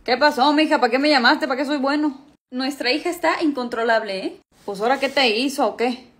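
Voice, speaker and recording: A woman's voice: high-pitched, fairly quick, a bit bright. A woman voicing an easygoing middle-aged father who teases and flirts with a laid-back drawl. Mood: casual.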